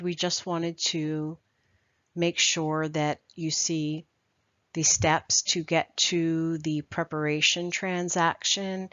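A woman trainer walking through a screen-recorded software tutorial in a steady, instructional way. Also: deep voice, dry recording, highs cut off.

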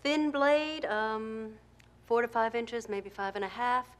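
A forensic doctor in her thirties in a TV crime drama. She is matter-of-fact, with a slightly high voice over background music. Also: slow pace, a little hiss or hum. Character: brisk, matter-of-fact female medical examiner.

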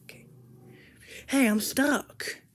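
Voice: high-pitched, husky, exaggerated voice. Brief: a fan doing a jumpy, whiny teddy bear guy for a plush toy skit, always pleading. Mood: nervous. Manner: jittery, pleading, quick to panic. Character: nervous, put-upon male teddy bear sidekick.

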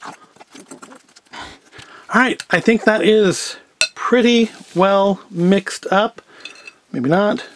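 Drawing out his words and leaving long pauses, a man with a high voice hosts a homemade food review, musing wryly and questioning himself while he cooks. The scene moves from a table to a kitchen indoors at home, and the recording carries slight hiss or hum.

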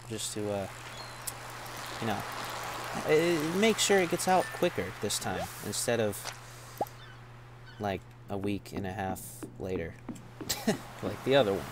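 Over a noisy background, a man with a medium-pitched voice gives relaxed, meandering let's-play commentary on a farming game. The streamer keeps things casual and frequently addresses people as "man."

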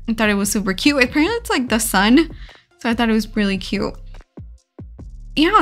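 A Californian woman narrates her road-trip vlog casually and chattily, her slightly high, somewhat bright voice full of giggles. She sprinkles "like" throughout her talk.

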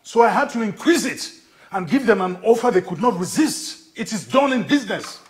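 An actor with a Nigerian English accent playing an ambitious chief who answers defensively and dismissively. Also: male voice, high-pitched, expressive, brisk. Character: ambitious chief set on buying a school.

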